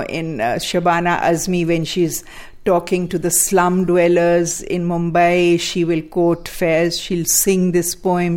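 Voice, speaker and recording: Thoughtful older woman, lowish voice. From Pakistan. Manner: thoughtful, with soft laughs and fillers. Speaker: guest, daughter of a poet. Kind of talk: reflective conversation.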